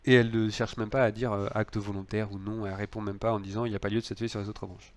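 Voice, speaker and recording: A man's voice: on the low side, level tone, fast talker. A man lecturing on law, explaining cases with frequent fillers and restarts.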